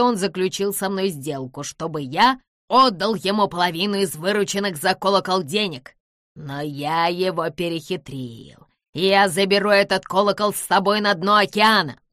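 A woman voicing a spiteful, vengeful little man who gloats and shouts threats. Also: mid-range voice, no room sound, clean studio sound, natural voice.

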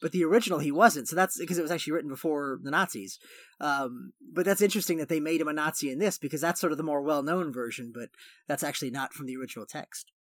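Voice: medium pitch, fast talker, no echo. Dry-sounding opinionated podcast co-host. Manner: opinionated, rambling asides. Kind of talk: casual chat.

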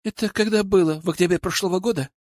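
Brief: male narrator voicing a sharp-tongued young woman, raised pitch, quick. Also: dry recording, studio quality, lightly acted. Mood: teasing. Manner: stern, teasing. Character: young woman, stern and teasing.

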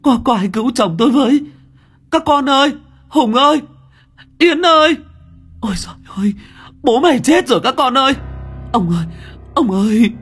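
A man's voice: animated, normal speed, long pauses, fairly bright tone, husky, faint music behind, full character voice. A man voicing a panicked elderly village woman, crying out desperately for her husband in a storybook tale. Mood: frantic wailing. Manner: shrill desperate wailing cries.

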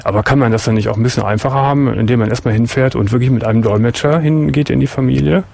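Man, call-in radio host, gravelly mid voice, calm and probing, hesitant restarts. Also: mid-range voice, rapid-fire. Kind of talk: late-night call-in radio chat. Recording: radio broadcast.

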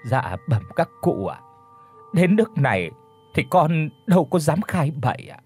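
A man's voice: on the high side, very animated, a little slow, darkish tone, slightly rough, soft background music, exaggerated voice. A man voicing a frightened young pregnant village woman who stammers as she pleads. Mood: pleading.

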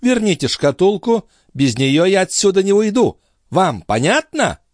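An imperious countess, as a male audiobook reader puts her on, with a high, airy falsetto that swoops and flutters as she mocks and commands, and her lines land close and dry. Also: very animated, a little slow, dry recording. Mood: commanding. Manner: breezy, mocking, commanding. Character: haughty imperious noble countess, woman. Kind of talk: audiobook character voice.

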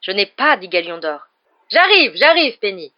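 A woman's voice: mid-range voice, natural voice. A woman reading the part of a fussy, self-important teenage prefect in a storybook. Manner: hurried, amused then anxious. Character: pompous teen prefect boy, fussy. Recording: dull lo-fi recording.

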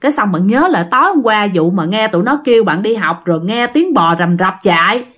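A woman's voice: medium pitch, lively intonation, a little fast, fairly bright tone. A woman telling a ghost story in a casual, chatty way, speaking straight to her listeners. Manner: chatty, addresses listeners directly.

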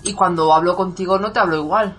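A speaker from Aragon, Spain, chiming in with quick remarks in a casual chat. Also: mid-range voice, a bit bright, slightly rough, faint music behind. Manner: quick interjections.

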